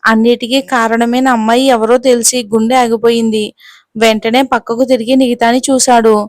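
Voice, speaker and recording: Female storyteller, steady scripted read, fairly high, very even, dry close mic. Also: brisk, no echo. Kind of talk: scripted narration.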